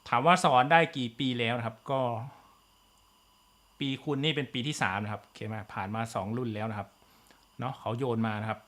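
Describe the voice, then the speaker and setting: A man's voice: mid-range voice, a little fast, fairly bright tone. A man with a Thai accent teaching an online physics class, full of fillers and polite particles. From Thailand. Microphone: computer mic in video class.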